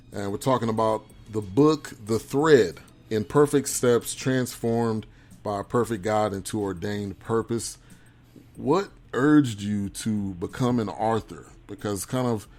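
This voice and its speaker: A man's voice: fairly low pitch, a little mellow. A man hosting a casual interview show, friendly, with loose phrasing and frequent repeats. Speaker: show host.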